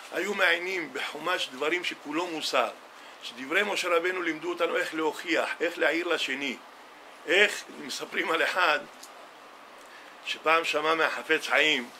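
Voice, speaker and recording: Bright-voiced man preaching a sermon. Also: fairly high pitch, slight background noise. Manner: storytelling, acts out dialogue in a quoted exchange. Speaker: rabbi. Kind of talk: Tisha B'Av sermon.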